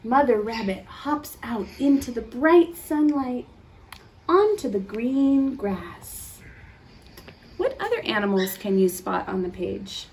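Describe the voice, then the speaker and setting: Reading a picture book to young children, a woman with a fairly high voice hams it up with theatrical gasps and pauses and asks the kids questions. She's a storytime reader, and there's slight background noise.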